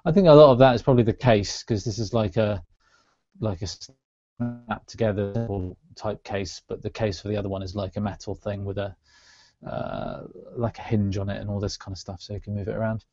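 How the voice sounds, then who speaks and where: A relaxed man co-hosting a podcast, presenting a segment in a halting way with plenty of fillers. His voice is mellow and dark at a middle pitch. The call audio is dry and dull. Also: no echo. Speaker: podcast co-host. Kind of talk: casual chat.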